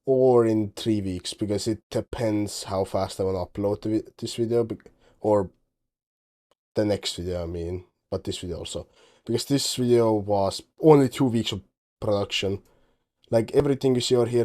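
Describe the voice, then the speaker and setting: Fairly low in pitch and warm in tone, this teenage native Estonian speaker from Estonia talks in English at a normal speed. As a game dev vlogger, he gives casual commentary over a screen recording, sounding tired, offhand and rambling, with frequent self-corrections.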